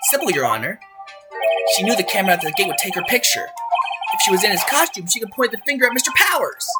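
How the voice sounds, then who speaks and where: A man's voice: sits high, big pitch swings, quick pace, over loud music. A man playing an earnest, wry young defense lawyer in an amateur game fan dub. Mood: determined.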